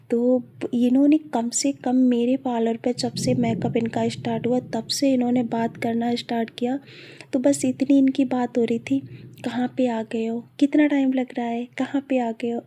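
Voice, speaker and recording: Young woman rambling on about a bridal makeup job, mellow voice, lots of fillers. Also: a little high. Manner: chatty, rambling, with many fillers and restarts. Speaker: bridal makeup artist and vlogger. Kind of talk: casual voice-over narration of a makeup video. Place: dark room at home at night, voice-over.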